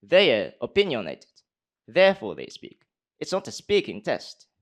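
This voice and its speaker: His mid-range voice swoops wildly in pitch at a moderate pace as this Japanese university student in his twenties, speaking with a posh British accent, gives a conference-hall speech. In the Q&A that follows, he hesitates a lot and leans on fillers.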